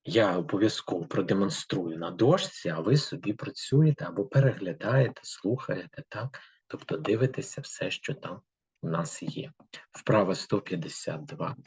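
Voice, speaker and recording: A male teacher giving an online school lesson, slowly and carefully dictating words. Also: low-pitched, animated, darkish tone, slightly rough, low-quality recording.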